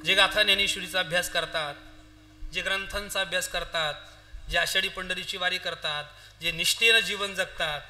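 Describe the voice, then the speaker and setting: A man's voice: high-pitched, moderate pace. A man preaching a humorous kirtan sermon, telling a story and acting out the characters' lines, speaking straight to his audience. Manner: animated storyteller, acts out characters' lines, addresses audience directly.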